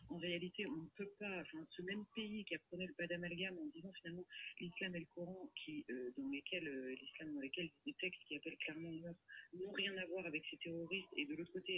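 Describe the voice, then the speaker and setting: A woman's voice: on the low side, fairly bright tone, husky, highs cut off. A woman political commentator arguing her point on radio, with many hesitations. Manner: fast, argumentative, frequent hesitations.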